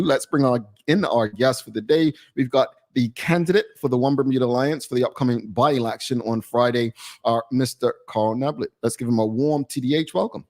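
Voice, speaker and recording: A man hosts a talk show in a mid-range voice. He talks in an easygoing way, often restarting his sentences and filling gaps with ums. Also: medium pitch. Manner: relaxed, stammering restarts, filler-heavy.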